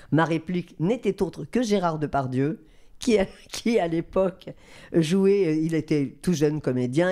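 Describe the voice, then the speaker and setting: An older woman from southern France, a guest voice actress telling lively anecdotes and acting out the people she quotes. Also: deep voice. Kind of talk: anecdotal storytelling.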